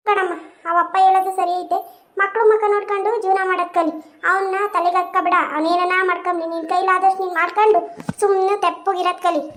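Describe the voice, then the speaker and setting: A scolding old village grandmother, played by a woman in a homemade cartoon. Her voice sits very high and the words tumble out fast, sharp with reproach. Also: flat delivery. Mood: soothing advice. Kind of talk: animated village drama voice-over.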